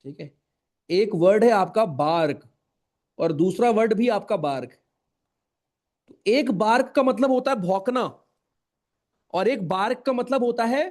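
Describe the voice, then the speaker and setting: This young instructor speaks with a Hindi accent in a warm voice that sits high. His online class is informal and chatty, and he keeps repeating key points, checking in with "right?" and addressing students as brothers and friends.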